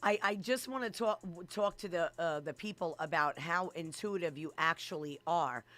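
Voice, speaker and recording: A woman hosting a live talk show, effusive and chatty, full of shout-outs. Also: lowish voice, moderate pace. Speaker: radio show host.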